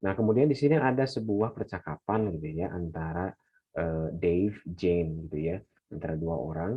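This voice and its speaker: A man teaching an English class, explaining in a relaxed way and slowing down to model English phrases. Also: low voice, husky. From Indonesia. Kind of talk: online class lecture. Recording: dull lo-fi lecture recording.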